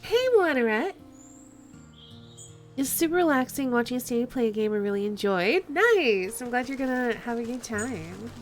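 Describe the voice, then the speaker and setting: A woman streaming a game in a casual, playful way. Her voice sits fairly high and swings widely in pitch, with sing-song greetings over quiet background music. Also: animated, normal speed. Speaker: live streamer.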